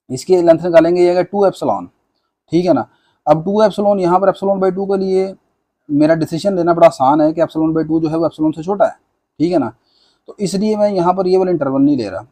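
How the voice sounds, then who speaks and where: A man with a high, dark-toned voice delivers a maths lecture, patiently working through proofs. He blends English maths terms into his speech and keeps checking in with "theek hai na".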